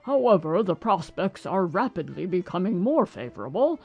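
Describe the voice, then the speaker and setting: A man voicing a pompous, long-winded old male owl who talks slowly and grandly. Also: high-pitched, very animated, creaky, husky, lo-fi sound, faint music behind, pitched above the performer's own voice, heavily acted.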